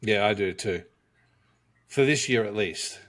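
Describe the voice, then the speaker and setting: A man's voice: on the low side, measured pace, a bit bright. A man co-hosting a wrestling podcast, talking casually and joking, thinking aloud with plenty of fillers. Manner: chatty and jokey, thinking aloud with frequent fillers. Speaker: podcast co-host.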